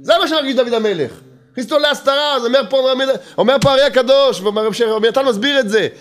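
Man teaching Torah, very high voice, insistent and repetitive, rhetorical questions. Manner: lively, mixes in humor.

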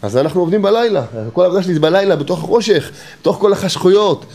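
Man teaching Torah, very high voice, insistent and repetitive, rhetorical questions. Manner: lively, mixes in humor.

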